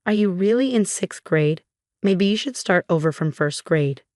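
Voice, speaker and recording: Taunting spoiled young boy in a storybook, voiced by a woman narrator, lowish voice, dry close sound. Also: animated, moderate pace, darkish tone, no echo, close to an everyday voice.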